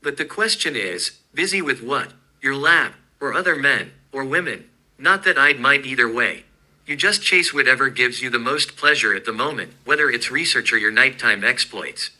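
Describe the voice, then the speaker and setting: A man's voice: medium pitch, expressive, moderate pace, bright, forceful tone, rough recording. A man reading as a sardonic wealthy male inventor. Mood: probing.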